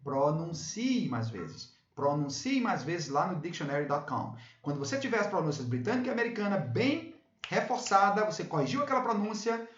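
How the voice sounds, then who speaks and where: A Brazilian man teaching English in a casual video lesson. He often repeats himself and checks in with his viewers. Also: high-pitched. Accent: Brazilian Portuguese. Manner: repeats himself, tags phrases with "tá bom?". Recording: echoey room, slightly dull sound.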